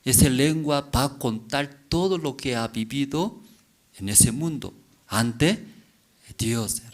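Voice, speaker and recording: Here a male pastor preaches at a medium pitch. Rhetorical questions come one after another, each followed by a quick "mm?" aimed at the congregation.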